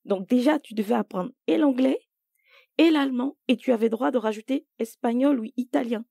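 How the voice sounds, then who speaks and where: A woman co-hosting a podcast in a casual, animated conversation, leaning hard on her points. Her voice is dark and gravelly with a husky edge, and the close recording sounds dry. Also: a little high, a little fast, no room sound. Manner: animated, emphatic, thinking aloud with fillers. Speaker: podcast co-host.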